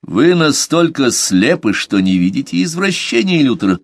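A man pitches his voice above his own natural range to play an audiobook's grim, stern male inquisitor, an older cleric conducting a cold, probing interrogation. It's medium-pitched and slightly rough, with big pitch swings, normal speed, and a clean studio sound free of room noise.

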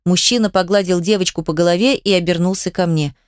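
A woman reading a novel aloud as the narrator, steady first-person storytelling. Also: lowish voice, fast talker, smooth, no echo, studio quality. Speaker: audiobook narrator. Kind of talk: scripted narration.

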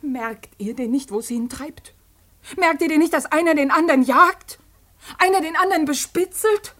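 An actress playing an outspoken young daughter in a radio play, impassioned and pleading. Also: female voice, high voice, normal speed, fairly bright tone. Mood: despairing. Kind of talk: 1950s radio play acting.

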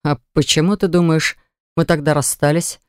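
A reader voicing a hot-tempered man who growls and sneers at a rival in a low, rumbling voice. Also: little pitch movement, fairly quick, clean tone, no echo, studio quality, lightly acted. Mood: sneering.

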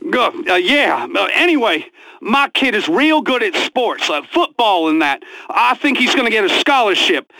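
Hapless caller, stammering, hesitant, extremely high voice, bright tense tone. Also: male voice, very animated, normal speed, gravelly, slight background noise, heavily acted, rough recording. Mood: nervous.

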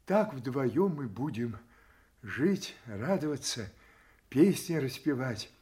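King Lear, slow swooping old royal. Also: medium pitch, sing-song, warm tone. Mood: tender, dreamy. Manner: declamatory, drawn-out, emotional. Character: old king Lear, loving father turned defiant captive. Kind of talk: theatrical Shakespearean radio drama acting.

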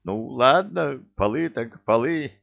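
A man voicing a small, jumpy young soldier who whines and yelps, pitched high. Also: huge pitch swings, normal speed, gravelly, muffled recording, full character voice. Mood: panicky. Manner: whiny, yelping.

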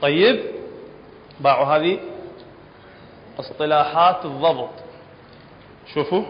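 Iraqi male tajweed teacher, high voice, explanatory classroom delivery, muffled recording in a reverberant room. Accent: Iraqi Arabic. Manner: explanatory, often checks understanding with the class. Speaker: Quran recitation teacher. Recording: dull lo-fi recording in a reverberant hall, faint background noise.

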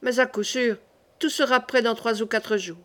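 A rash, boastful young king, read by a woman, who talks in bold bursts and mocks freely. The voice sits a little high and lively. It is a plain storybook reading. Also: moderate pace, lightly acted. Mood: confident.

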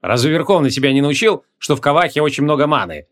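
A man's voice: a little high, very animated, quick pace, a bit bright. A male audiobook reader voicing a jolly, bald male archmage who jokes cheekily. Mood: merry. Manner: cheeky, joking.

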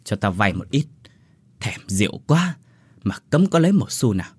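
A man voicing a boozy, impatient older male thief who talks gruffly and blusters. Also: lowish voice, very animated, normal speed, no echo.

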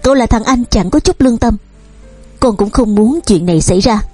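A woman's voice: on the high side, fairly quick, breathy edge, dry recording, faint music behind. A woman reading as a spiteful stepmother. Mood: angry. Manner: sharp, cold, shouting. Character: bitter, spiteful middle-aged stepmother.

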